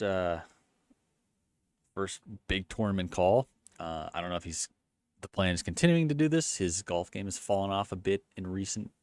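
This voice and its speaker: A golf channel host gives a casual, rambling recap in a flat, low-energy monotone, full of fillers and restarts. The audio is studio quality with no echo.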